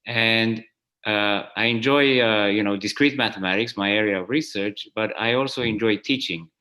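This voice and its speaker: His pitch fairly low and his tone sharp, a man in his forties from Romania speaks at a moderate pace. As the guest math professor at an online conference, he gives a plenary talk by video call, stumbling through fillers and restarts.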